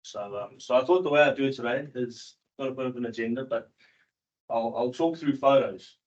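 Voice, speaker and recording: Speaking in a medium pitch, a South African-born man who moved to New Zealand in his early teens gives a candid, informal personal talk at a seminar. A cricket coach and onetime pro cricketer, he is halting and repetitive, and the recording is muffled and dull.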